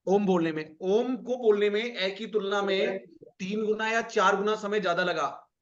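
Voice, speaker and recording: A man's voice: high voice, a little slow, lo-fi sound. A man teaching an online class, coaxing students, repeating each point and calling on them by name.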